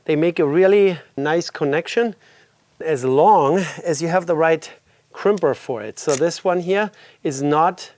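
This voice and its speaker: A middle-aged man with a cold talks casually through motorcycle work step by step as he does it in his home garage, hosting a garage video. His congested voice sits on the high side with a darkish tone, and he keeps a measured pace.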